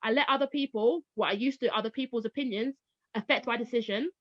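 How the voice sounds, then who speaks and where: A high-pitched woman from Barbados, a teacher turned homeschooling parent, tells lively stories in a casual interview. She acts out the people she quotes. The sound is dry and a little dull, like a lo-fi recording. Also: fast, dry recording. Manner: animated storyteller, acts out quoted voices. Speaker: guest, former teacher now homeschooling parent.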